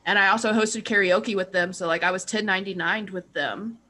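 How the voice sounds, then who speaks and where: A woman's voice: mid-range voice, brisk, sharp tone, slight background noise. A woman comedian chatting casually, giggly and crude, with lots of fillers. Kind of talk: casual chat.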